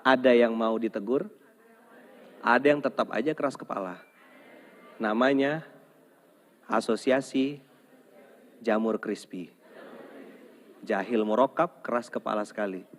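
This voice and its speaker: A man's voice: medium pitch, a little slow, long pauses. A man preaching a humorous sermon, joking and calling on the audience to respond. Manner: lively, jokes and calls on the audience to respond. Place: large hall with an audience. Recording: long hall reverb.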